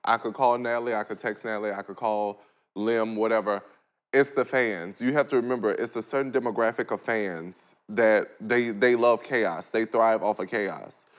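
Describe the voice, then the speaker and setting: A man in his late twenties talks bluntly in a casual podcast conversation. He is animated and throws in jokes as he goes. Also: lowish voice, moderate pace. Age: 20s. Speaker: podcast guest. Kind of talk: casual chat.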